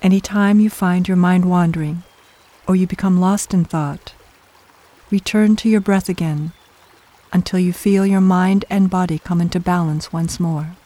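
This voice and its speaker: Soft, mellow meditation guide. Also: medium pitch, steady tone. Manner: soft, soothing, slow and measured, with long pauses. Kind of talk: guided meditation, scripted narration.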